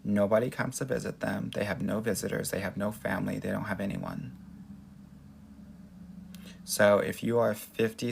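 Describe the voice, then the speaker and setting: A man's voice: on the low side, creaky, husky. An American man from Los Angeles hosting a casual livestream, chatting with sassy, effusive, girly best-friend familiarity as he answers viewers. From Los Angeles, United States. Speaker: dating coach and livestream host.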